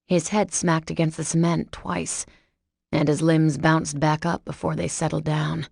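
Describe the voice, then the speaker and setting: Woman reading a romance audiobook, low husky-gravelly voice, dry close sound. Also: flat delivery, measured pace, darkish tone, no room sound. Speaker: audiobook narrator. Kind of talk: first-person romance audiobook narration.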